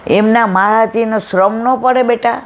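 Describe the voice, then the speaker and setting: A woman giving a devotional satsang talk, telling stories and acting out the dialogue lively. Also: on the high side, a little slow, a little hiss or hum. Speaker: satsang speaker.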